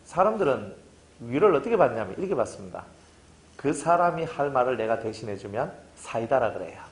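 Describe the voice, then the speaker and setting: Lively man preaching with acted-out dialogue. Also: mid-range voice, brisk. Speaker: pastor. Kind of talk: sermon.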